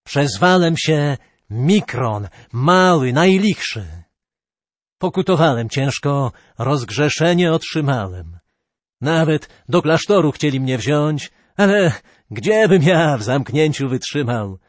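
A man's voice: a little high, expressive, slow pace, no room sound. A male narrator voicing a ragged, lame fiddler who is a reformed robber, blunt and humble, in a storybook reading. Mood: rueful.

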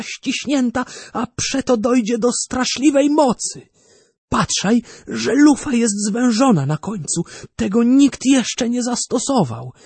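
Brief: a man playing an obsessive inventor, shrill and feverish, husky edge, storybook reading. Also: no room sound, exaggerated voice. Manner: feverish, exclamatory. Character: excited obsessive male cannon inventor.

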